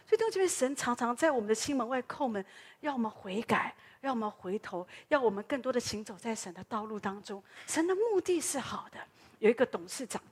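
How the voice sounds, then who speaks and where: A middle-aged woman pastor with a Taiwanese Mandarin accent, preaching a sermon in a lively storytelling way and tagging her lines with a casual "ha". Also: a little high, fast, husky. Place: church.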